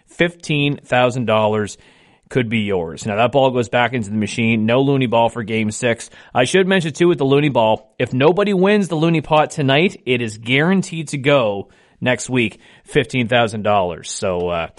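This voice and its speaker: A man working as a bingo caller, hosting a live radio game from a studio and announcing in a deliberate, plain-spoken way. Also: medium pitch. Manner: bingo caller, repeating each number deliberately.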